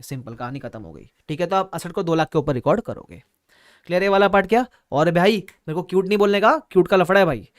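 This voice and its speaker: A man's voice: fairly high pitch, no room sound, clean studio sound. A man teaching an online exam-prep lecture, playful and storytelling, mixing Hindi and English.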